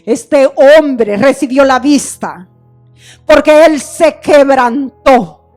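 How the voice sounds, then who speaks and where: A woman's voice: high voice, darkish tone. A woman pastor preaching a sermon with passion, crying out the blind man's plea for mercy.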